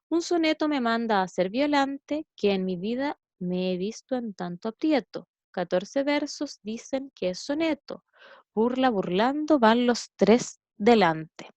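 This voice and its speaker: A woman's voice: on the high side, darkish tone, no echo. A woman teacher with a Chilean Spanish accent gives a recorded lesson to pupils, explaining step by step and checking in with "¿cierto?". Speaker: schoolteacher. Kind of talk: recorded classroom lesson over slides. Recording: dull lo-fi dry recording.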